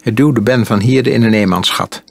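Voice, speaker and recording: A man narrating an audiobook in a calm, measured storytelling manner. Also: mid-range voice, creaky, dry recording. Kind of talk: audiobook reading.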